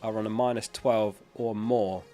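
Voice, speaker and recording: His voice is fairly low and mellow, with fairly even intonation and a normal speed, and soft music plays behind him. As a livestream host he chats casually, reading viewer questions and answering in a matter-of-fact way while his unwell voice begins to fail. A close dynamic studio mic captures him.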